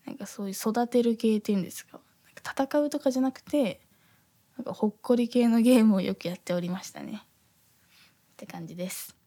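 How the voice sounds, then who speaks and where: A woman in her twenties from Osaka, hosting a casual podcast and reading listener messages, talking softly with many fillers and frequent laughs. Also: medium pitch, no room sound. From Osaka, Japan. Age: 20s. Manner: soft-spoken, filler-heavy, laughs often.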